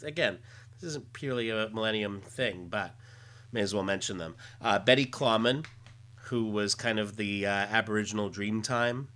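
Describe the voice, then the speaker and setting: A man hosting a casual podcast, explaining comic-book details in a halting, list-like way. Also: medium pitch, a bit bright. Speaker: podcast host.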